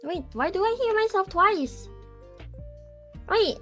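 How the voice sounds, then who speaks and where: Playful gamer girl streamer, high bright voice, giggly n excitable, chatting to her viewers over music. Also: takes it slowly. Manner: bubbly, flustered, excitable. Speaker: stream host and virtual streamer. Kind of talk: casual livestream chat.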